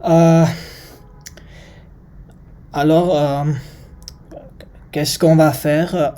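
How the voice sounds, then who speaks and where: A non-native French speaker with a foreign accent gives an informal maths lesson, haltingly searching for words. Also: mid-range voice, little pitch movement, warm tone, clean tone. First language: not French. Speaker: maths video presenter.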